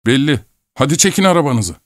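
A man doing a furious shouting young man. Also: medium pitch, big pitch swings, brisk, no room sound, clean studio sound, voice pushed up, lightly acted. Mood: angry shouting. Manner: curt, shouting, contemptuous. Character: hot-tempered young man, shouting insults. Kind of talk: audiobook reading.

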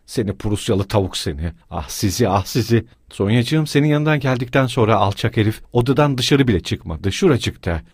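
A man voicing a frantic, furious middle-aged mother who screams shrill insults in an audiobook reading. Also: animated, normal speed, few pauses, a little mellow, breathy edge, no room sound, clean studio sound. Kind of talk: audiobook character voice.

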